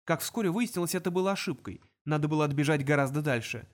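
A man's voice: fairly high pitch, fast. Man narrating a storybook. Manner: even, storytelling delivery. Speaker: audiobook narrator. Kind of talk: scripted narration.

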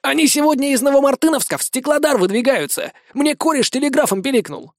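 A man voicing an excited skinny young lad who shouts his news. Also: very high-pitched, fast talker, no room sound, studio quality, pitched above the performer's own voice. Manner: shouting eagerly.

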